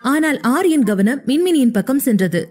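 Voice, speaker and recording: A woman narrating a scripted audio story in a steady, even reading voice. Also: high-pitched, moderate pace.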